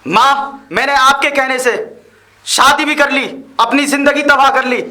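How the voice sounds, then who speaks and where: Guy doing a whiny arrogant son, really high bright voice, complains nonstop. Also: fairly even intonation, a little slow, full character voice. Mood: complaining. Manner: complaining, defiant. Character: arrogant educated young son, scornful. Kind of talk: amateur web drama acting.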